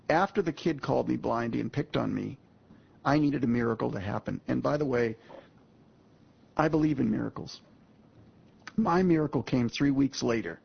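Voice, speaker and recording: A man's voice: medium pitch, gravelly, slightly rough. A man in his sixties, a guest speaker telling a personal story to an audience in a folksy, emphatic way, addressing the listeners directly. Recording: muffled lo-fi audio.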